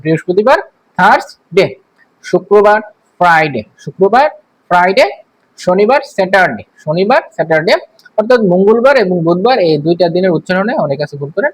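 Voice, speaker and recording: A man giving a spoken vocabulary lesson, repeating each word slowly for practice. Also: high-pitched, lively intonation, low-quality recording. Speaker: English teacher.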